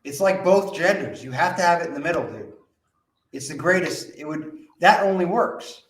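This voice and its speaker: A man's voice: on the high side, expressive, normal speed. A man co-hosting a podcast, chatting casually, joking and swearing as he riffs. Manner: joking, profane, riffing. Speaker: podcast co-host. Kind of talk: casual chat.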